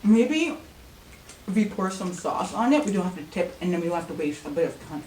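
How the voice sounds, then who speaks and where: A woman's voice: on the low side, big pitch swings, a little fast, a little mellow, a little hiss or hum. A woman vlogger chatting casually and teasing her partner during an eating challenge. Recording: echoey room, mic at a distance.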